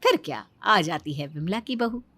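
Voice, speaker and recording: A woman narrating a cartoon story in an expressive, storytelling way. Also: on the low side, moderate pace, breathy edge, no echo. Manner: expressive, animated.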